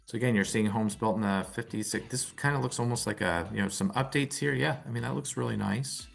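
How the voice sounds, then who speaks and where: A man presents a property countdown like an informal online host. His voice sits at an average male pitch, and he tends to repeat key phrases as he moves through the ranking. Soft music plays underneath. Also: brisk, creaky. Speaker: real estate video host. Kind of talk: top ten countdown presentation of neighborhoods.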